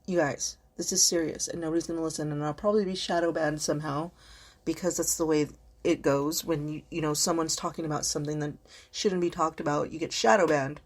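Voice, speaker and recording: A woman's voice: low voice, fairly even intonation, brisk. A woman hosting her own podcast, talking alone in a rambling, heated way, swearing often and getting worked up. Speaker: podcast host. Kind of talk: casual emotional monologue.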